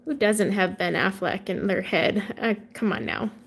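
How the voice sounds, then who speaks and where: A woman's voice: medium pitch, normal speed, vocal fry. A woman, chatting casually with viewers on a livestream and answering their comments. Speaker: livestream host coloring with viewers. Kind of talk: casual chat while coloring.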